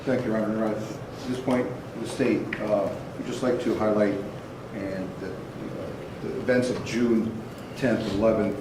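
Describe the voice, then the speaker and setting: A man acting as prosecutor, addressing the court in a halting way with many fillers, captured in a courtroom recording. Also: on the low side, level tone. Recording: echoey courtroom, distant mic, noise.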